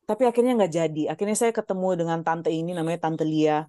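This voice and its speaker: A woman's voice: on the low side, steady tone, fast talker, dark tone, dry recording, clean studio sound. A woman giving a heartfelt personal faith testimony as a guest speaker, slipping English phrases in and often addressing the listeners as ladies.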